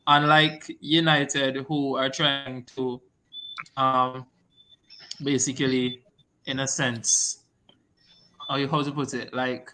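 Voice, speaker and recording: A man in a casual football podcast, arguing his side with heat and repetition. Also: mid-range voice. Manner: argumentative, gets loud and repetitive when heated. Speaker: podcast co-host, Arsenal fan.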